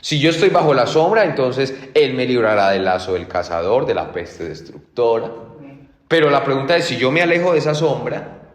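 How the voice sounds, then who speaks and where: A male pastor preaches earnestly and conversationally, often checking in with his listeners. His mid-pitched voice carries a long reverb through a roomy church hall. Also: very animated, moderate pace. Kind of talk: sermon.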